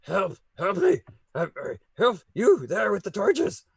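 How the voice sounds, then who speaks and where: A man voicing a huge frightened werewolf in a tabletop game, with a gruff, growly voice, pleading urgently. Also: high voice, very animated, no echo, clean studio sound, voice pushed up, heavily acted. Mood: panicked pleading. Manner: loud, urgent, halting pleading.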